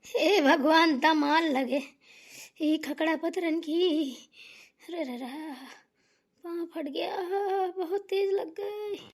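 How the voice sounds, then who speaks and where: Woman playing a cranky old cartoon mom, high pitched, yells and grumbles. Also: slow, exaggerated voice. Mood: pained. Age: older. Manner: shrill yelling and scolding, mutters to herself. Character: aging village mother, bossy and short-tempered. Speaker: cartoon character voice. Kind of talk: cartoon voice acting.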